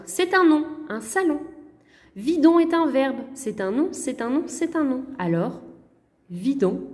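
A woman's voice: high-pitched, darkish tone, big-room sound. A woman teacher going over a lesson correction for young pupils, patient and careful, sounding words out syllable by syllable. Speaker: primary school teacher.

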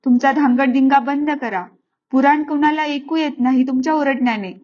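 A woman's voice: high-pitched, steady tone, normal speed, darkish tone, close to an everyday voice. A brusque middle-aged temple servant, voiced by a woman, blunt and complaining. The storybook reading is slightly muffled.

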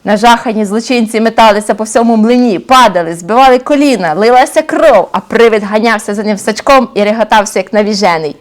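A woman reading a fairy tale aloud to children with a fairly high voice. She tells it with lively expression and keeps drawing her listeners in with questions. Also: fairly quick, hardly any pauses. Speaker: storyteller for children.

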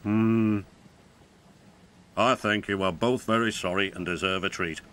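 A man's voice: lowish voice, fairly even intonation, unhurried, voice pushed down. A man voicing a stern, pompous railway boss. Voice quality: formal, commanding. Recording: narration over loud music.

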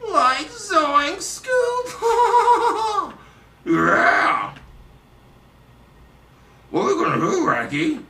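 A lanky cartoon slacker with a goofy voice that cracks upward and swings wildly in pitch, as a man puts him on. It sounds distant and bounces around a roomy space. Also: wildly swooping pitch, very slow, pauses often, sharp tone, exaggerated voice. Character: lanky laid-back cartoon slacker guy. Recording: roomy, distant amateur recording.

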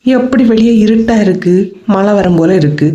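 A woman's voice: mid-range voice, moderate pace, dark tone, lightly acted. Woman doing a cheeky bossy little girl, giggly, kanyakumari tamil, kinda dull lo-fi sound. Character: cheeky little girl insisting she is big.

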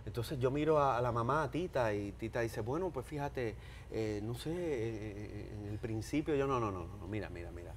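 A man, an interview guest telling an anecdote with lively acted-out dialogue. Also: mid-range voice, moderate pace, a little hiss or hum. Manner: animated storyteller, acts out dialogue.

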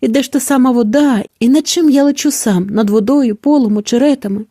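Worried papa gander from a storybook, a lady reading it, a bit high, mellow. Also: a little fast, dry recording, studio quality. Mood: desperate. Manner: worried, urgent pleading. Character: anxious protective father gander.

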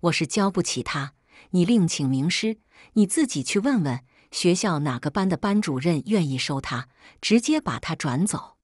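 A harsh female homeroom teacher scolds with a cold, sharp edge, as a woman narrating a storybook puts her on. The voice sits low and a little breathy, recorded close and dry with no room around it. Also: animated, moderate pace, dry recording. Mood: scornful. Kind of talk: storybook reading.

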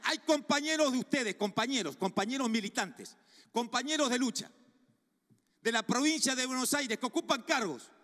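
Vehement high-voiced Argentine man in a hall. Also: fairly bright tone. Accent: Argentine Spanish. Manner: vehement, accusing, repeats phrases for emphasis. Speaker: senator. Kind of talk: speech in a Senate committee hearing. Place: large legislative chamber. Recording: reverberant hall sound.

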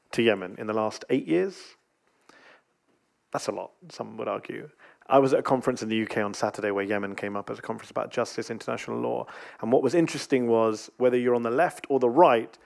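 English male moderator in his thirties, brisk, probing, slight vocal fry, table mic. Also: mid-range voice, darkish tone. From England. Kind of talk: panel moderation. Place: conference room with panel table. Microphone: table microphone.

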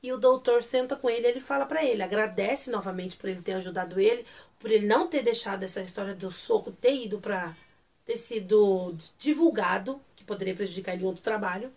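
A woman's voice: mid-range voice, brisk, darkish tone. A young Brazilian woman with a Brazilian Portuguese accent, animatedly recapping and gushing over a series episode in casual chat. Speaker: series reviewer.

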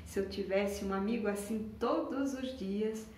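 A woman voicing a sweet female sloth with a Brazilian accent, in a high, drawn-out pleading voice for a storybook. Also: a little mellow, lightly acted. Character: slow, sweet female sloth stuck on a tree. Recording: echoey room, mic far off.

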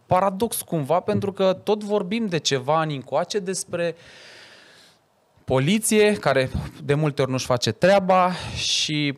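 A man hosting a podcast, asking thoughtful, slightly hesitant questions. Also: a little high. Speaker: podcast host. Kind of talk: casual podcast interview.

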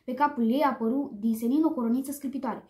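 A woman reading a children's storybook aloud in a lively, expressive way. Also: high voice. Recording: echoey room.

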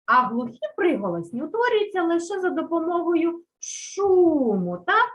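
A woman's voice: very high-pitched, very animated, moderate pace, a bit bright, rough recording. A woman from Ukraine teaching a lesson to young children, stretching out key words and coaxing them with questions. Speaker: primary school teacher.

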